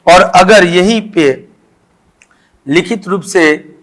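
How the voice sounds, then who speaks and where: Slow, high-voiced Indian male teacher. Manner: slow, deliberate explaining with drawn-out example phrases. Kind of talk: school grammar lesson.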